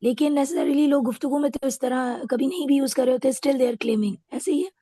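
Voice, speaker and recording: A woman's voice: sits high, normal speed, dark tone, no room sound. A woman student on a video call asking a question politely and a little hesitantly, mixing English and Urdu. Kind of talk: asking questions in online class.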